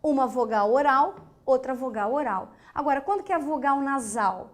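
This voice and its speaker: A woman's voice: high-pitched, animated, normal speed. A woman from Brazil teaching an online grammar lesson, explaining step by step, asking rhetorical questions and checking understanding with short tags, and voicing the speech sounds aloud as examples.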